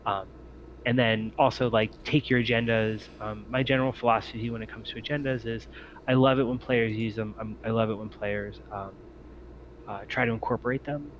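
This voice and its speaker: This game master talks to his players over a group call, mixing casual rules explanation with scene narration for their tabletop roleplaying game. He speaks a bit quickly in a fairly low voice that barely moves in pitch. The voice-chat recording is muffled, lo-fi, and noticeably noisy.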